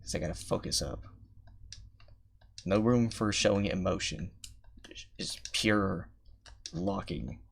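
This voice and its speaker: Low and gravelly, this young gamer speaks slowly with long pauses while streaming, rambling to himself, thinking aloud between tries and mocking his own ability. A little background noise is present.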